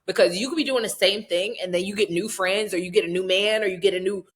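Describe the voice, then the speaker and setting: A woman with a mid-range voice talks fast while hosting a podcast interview. In this casual conversation she affirms her guest and asks long, meandering questions.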